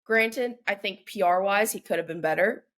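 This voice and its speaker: A young woman co-hosts a casual podcast with a medium-pitched, fairly bright voice. Chatty and opinionated, she leans heavily on "like" and is quick to vent.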